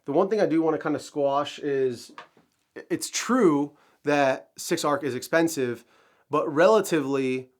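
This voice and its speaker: A man's voice: a little high, a little slow. A man hosting his own channel, talking casually to camera with a nasal, stuffed-up voice from a cold, rambling with lots of fillers. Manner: rambling, with many fillers and restarts. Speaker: firearms channel host.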